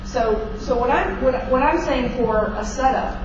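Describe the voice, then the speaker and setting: A woman's voice: high-pitched, a little slow. A middle-aged woman giving a conference keynote lecture on stage, explaining terms plainly and quizzing the audience with questions. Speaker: keynote speaker. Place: large dark conference hall stage. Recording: echoey hall recorded from far off, dull and noisy.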